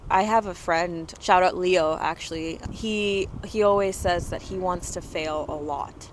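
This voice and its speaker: A woman's voice: on the low side, unhurried, a little hiss or hum, poor audio. A woman in her twenties from Dubai, a guest entrepreneur talking casually in an interview, full of "you know" and "like" fillers. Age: 20s.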